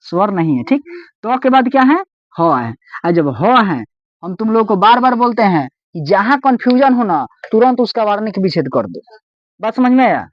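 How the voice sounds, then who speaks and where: A teacher with a Bihari accent giving a step-by-step grammar lesson, repeatedly checking that students follow. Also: medium pitch. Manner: repetitive, keeps asking students whether they follow; explains step by step, patient and drawn-out. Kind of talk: recorded Hindi grammar lesson. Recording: dull, dry lo-fi recording.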